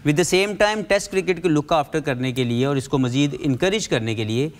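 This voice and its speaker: A man's voice: a little high, normal speed. Earnest male cricket pundit. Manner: earnest, explanatory, mixes in English phrases. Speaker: cricket expert panelist. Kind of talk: studio analysis chat.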